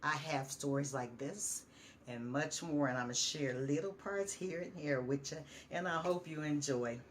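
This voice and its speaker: A woman's voice: deep voice, unhurried, a little hiss or hum. A woman reads her own stories and uplifting writing aloud as a vlogger. She sounds heartfelt and encouraging, repeats phrases for emphasis, and now and then stumbles over a word. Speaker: storyteller and vlogger.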